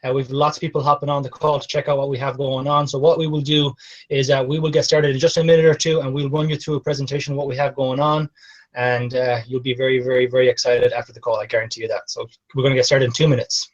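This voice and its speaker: A man's voice: medium pitch, flat delivery, quick pace. A man in his twenties with a west of Ireland accent, hosting a call and introducing things eagerly, repeating words for emphasis. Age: 20s. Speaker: call host. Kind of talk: enthusiastic presenter introduction. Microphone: online or phone call. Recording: dull lo-fi call audio.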